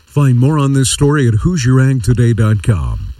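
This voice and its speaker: A man's voice: mid-range voice, very animated, normal speed, mellow, no echo, studio quality, distant mic. An American man reading a scripted agricultural news report for radio.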